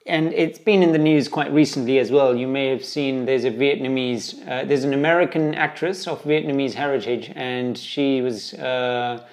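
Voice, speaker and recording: A British-accented travel writer, a guest in an interview, speaks at medium pitch and normal speed with hardly any pauses. His conversational answers are earnest but wander into side points.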